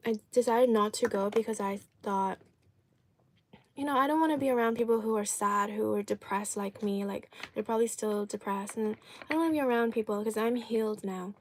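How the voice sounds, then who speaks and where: A woman's voice: medium pitch, a little hiss or hum. Woman chatting casually as she chews. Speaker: live streamer, host of an eating show. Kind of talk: casual live chat while eating, reading viewer comments.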